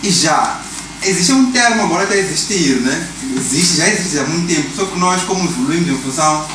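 A man's voice: a little high, expressive, a little fast. A young man with a Mozambican Portuguese accent, chatting casually and reflectively in a barbershop, slipping English slang into his talk. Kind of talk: casual chat. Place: barbershop, indoors. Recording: echoey room from far off with noise.

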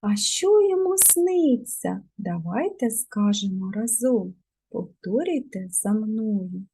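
Slow sing-song woman speech therapist. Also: medium pitch, expressive, dark tone, husky. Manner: slow, over-articulated, sing-song prompting for children. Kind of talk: children's speech therapy lesson.

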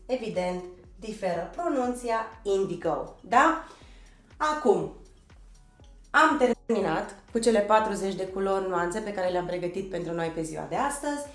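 A woman from Romania teaches an online language lesson in a roomy, echoing space, speaking into a desk microphone. She spells words out letter by letter and drills pronunciation, and she keeps checking in with her learners. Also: mid-range voice. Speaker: English teacher.

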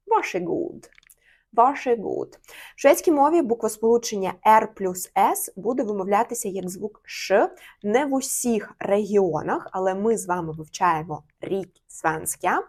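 A young adult woman teaching Swedish in an online lesson. She speaks clearly and slows down to repeat each phrase for learners. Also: medium pitch.

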